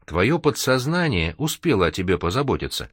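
A man's voice: fairly low pitch, very animated, a little fast, husky, no room sound, studio quality. A man reading an audiobook, voicing a caring young woman who encourages a friend in a soothing manner. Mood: encouraging.

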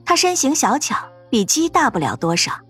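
A woman narrating a fantasy ghost story in an expressive, dramatic storytelling manner. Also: high-pitched, normal speed, soft background music.

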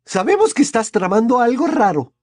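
A man putting on a shrill, accusing aunt. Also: big pitch swings, fairly quick, no echo, clean studio sound, exaggerated voice. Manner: sharp, accusing. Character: thin, shrill, suspicious middle-aged aunt. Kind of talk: audiobook character voice.

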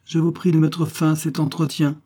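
A man's voice: a little high, monotone, normal speed, mellow, voice pushed up, natural voice. A man reading an audiobook, voicing a proud, cold young noblewoman who speaks icily and haughtily. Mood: icy. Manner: icy, haughty.

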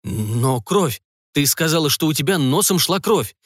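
A man's voice: fairly high pitch, lively intonation, unhurried, no echo, pitched above the performer's own voice. Guy reading an audiobook as a shy young man, earnest and unsure, dry close sound. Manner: hesitant and earnest.

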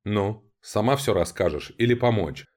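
A man voicing a ruthless, desperate young interrogator who barks threats and slow demands. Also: fairly low pitch, lively intonation, a little mellow. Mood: threatening. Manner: threatening, barking, drawn-out demands.

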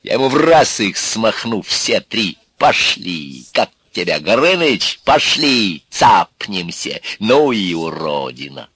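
Man playing a swaggering Cossack chief, gruff and blunt, slow, storybook. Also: on the low side, big pitch swings, a bit bright, no room sound, full character voice.

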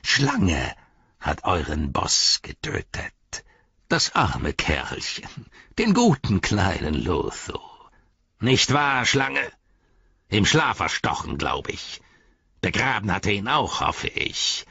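A man's voice: sits low, sing-song, gravelly, bright, forceful tone, slightly rough, dry recording, heavily acted. A man voicing a cruel, spiteful old wizard who sneers and mocks, in a dry, slightly dull recording. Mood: mocking. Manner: mocking, drawn-out, taunting.

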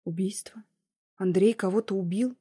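A woman's voice: mid-range voice, fairly even intonation, moderate pace, dry recording, clean studio sound, close to an everyday voice. Woman reading as a cornered young heroine. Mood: frightened whisper. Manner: strained, quiet.

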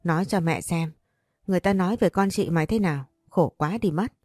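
A woman's voice: on the low side, brisk, darkish tone, no echo, studio quality, lightly acted. A woman voicing a harsh, scolding middle-aged mother who runs a shop, cutting in her words.

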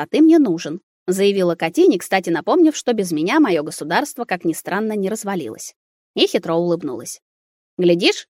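A woman narrating a story aloud in an expressive, animated reading. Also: mid-range voice, dry recording, clean studio sound. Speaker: audiobook reader.

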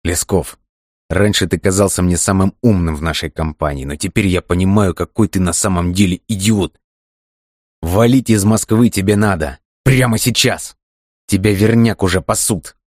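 A man voicing a hot-tempered young gangster who swears and yells at his friend. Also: sits low, normal speed, no echo, studio quality, voice pushed up. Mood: angry.

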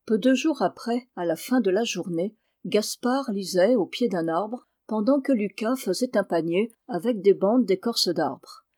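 A woman reading a classic children's novel aloud, in a clear, measured way. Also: mid-range voice, expressive, warm tone, no room sound, clean studio sound. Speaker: reader.

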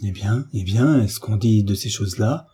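A man's voice: on the low side, moderate pace, warm tone, husky. A man voicing a timid, flustered elderly priest who murmurs.

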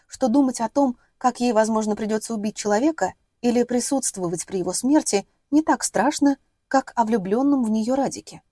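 A woman narrates a novel in a steady, measured storytelling voice. Her tone is mellow and warm, and the recording is close and dry with no room sound. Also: a little high, no echo. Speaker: audiobook narrator. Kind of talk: scripted narration.

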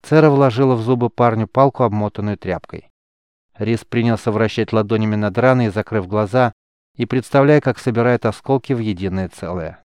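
A man narrating an audiobook in a steady, expressive reading style. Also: lowish voice, brisk, smooth, no echo, clean studio sound. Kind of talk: scripted narration.

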